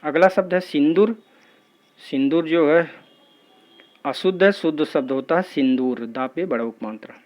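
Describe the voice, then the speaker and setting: Man, tutor drilling spellings, fairly high voice, patient and methodical. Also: a little slow, long pauses, darkish tone. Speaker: teacher. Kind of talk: exam-prep spelling lesson.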